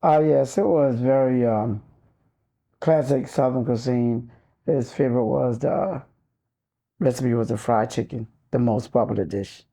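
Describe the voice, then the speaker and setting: A man's voice: medium pitch, unhurried, gravelly, mellow. A man answering questions as an interviewee, offering recollections for an oral history.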